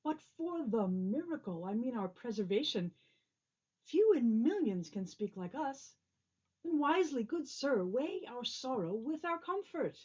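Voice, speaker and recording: A woman's voice: a little high, very animated, a little slow, a little mellow, breathy edge, exaggerated voice. A woman playing an earnest, long-winded, optimistic old courtier in a Shakespearean drama, on slightly dull audio. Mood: earnest, cheerful. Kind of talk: Shakespearean stage drama performance.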